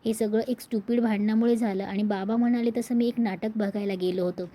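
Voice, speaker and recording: A woman's voice: medium pitch, fairly even intonation, brisk, warm tone, lightly acted. A woman voicing an earnest, affectionate young husband apologizing to his wife in a serial recap. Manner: pleading, affectionate.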